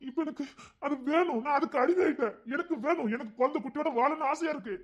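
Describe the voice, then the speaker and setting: A man's voice: extremely high pitch, fast talker, pitched above the performer's own voice. A man with a Tirunelveli Tamil accent voicing a tender, pleading gang king who longs for family life in an audio story. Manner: soft, pleading, heartfelt. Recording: dull lo-fi recording.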